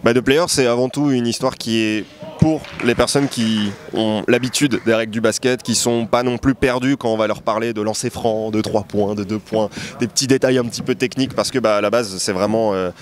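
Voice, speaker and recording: A man in his early twenties from Portugal, a manga artist, is interviewed on an outdoor basketball court. His voice is on the low side and fairly even in intonation, and though brisk, he speaks casually and hesitantly, with many filler sounds and restarts.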